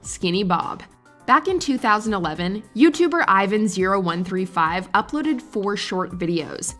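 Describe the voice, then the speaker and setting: A woman reading a scripted countdown narration in an even, measured way. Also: medium pitch, faint music behind.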